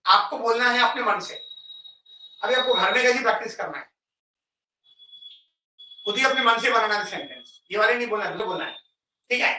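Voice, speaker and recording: A man's voice: high voice, a little fast, pauses often, bright, forceful tone. A man teaching an English lesson to a class, directing students and checking in often. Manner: instructive, repeats "ठीक है?" often, directs students. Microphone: camera at a distance. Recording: echoey room, voice from far off.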